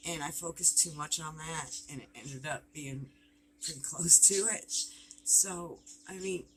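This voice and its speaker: A woman's voice: sits low, a little slow, fairly bright tone, a little hiss or hum, low-quality recording. Older woman rambling with endless "you know"s. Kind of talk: casual motivational talk.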